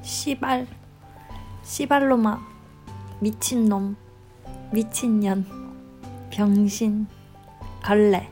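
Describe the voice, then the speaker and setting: A woman's voice: mid-range voice, steady tone, normal speed, long pauses, a little mellow, faint music behind. Woman reading words aloud, cute delivery. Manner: short, cute-sounding word-by-word delivery. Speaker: lesson assistant reading example words. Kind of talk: reading single words for pronunciation practice.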